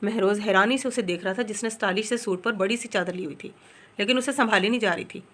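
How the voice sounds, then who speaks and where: A woman's voice: mid-range voice, fast, fairly bright tone. A woman reading a romance novel aloud as an audiobook narrator.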